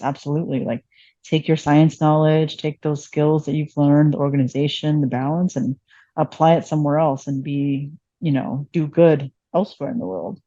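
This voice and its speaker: Mellow-voiced woman physician in her late thirties. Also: low-pitched, dry recording, muffled recording. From Vietnam. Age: late 30s. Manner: reflective, frequent fillers. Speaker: emergency physician guest. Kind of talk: conversational interview.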